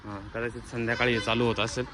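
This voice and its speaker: A chatty man narrating a family outing straight to his viewers, with a mid-range voice and an easy, conversational manner. He records outdoors on a handheld phone. Loud traffic and street noise run underneath. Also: medium pitch, monotone, fast. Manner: chatty, addresses viewers as friends, hurries the children along. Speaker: family vlogger. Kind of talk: casual vlog narration to viewers. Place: outdoor public garden.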